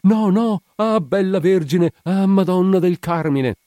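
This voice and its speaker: A man voicing a frightened, wounded young woman who cries out in a shrill, pleading voice. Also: lively intonation, unhurried, warm tone, dry recording. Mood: terrified.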